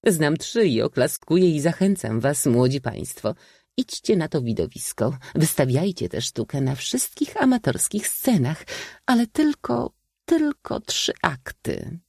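Brief: man voicing a sharp-tongued spinster aunt, shrill and declamatory, lively swoops, dry close sound. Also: a little slow, creaky, no room sound, exaggerated voice. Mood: teasing. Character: theatrical, sharp-tongued old maid aunt. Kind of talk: audiobook reading.

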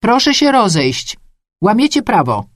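A woman's voice: medium pitch, sing-song, measured pace, dry recording, studio quality, voice pushed up. A woman voicing a tall, elegant man in a suit who gives formal, firm warnings in a story reading. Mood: stern.

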